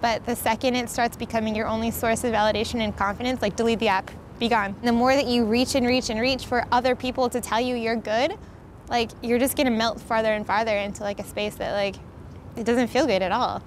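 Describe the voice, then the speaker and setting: A woman's voice: a little high, a little fast, a little hiss or hum. Breezy young woman, chatty stunt performer. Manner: relaxed, chatty, frequent "like". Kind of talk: casual interview.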